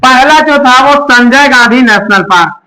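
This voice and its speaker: A man teaching a class, loudly quizzing students and having them repeat answers back to him. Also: very high voice, moderate pace, very noisy. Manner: loud, call-and-response questioning. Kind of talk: classroom lecture with memory tricks.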